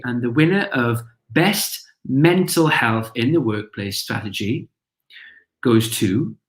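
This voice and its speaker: The awards host, a man with a Welsh accent, upbeatly reads out the shortlists and winners and stresses the names as he announces them. His voice is medium in pitch and reverberant.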